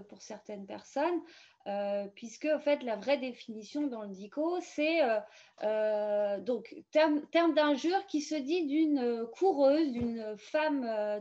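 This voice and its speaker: A woman with a fairly high voice explains things to young viewers in a casual, hesitant way, stopping often on fillers. Her sound comes through a dull, lo-fi video call line. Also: a little mellow. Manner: hesitant, many fillers and restarts. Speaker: youth information presenter. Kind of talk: casual informative talk.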